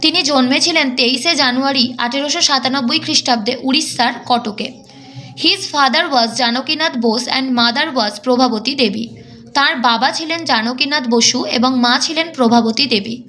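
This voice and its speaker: A woman teaching an exam-prep English lesson. She reads English lines slowly, then explains them briskly. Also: high voice, sharp tone, faint music behind.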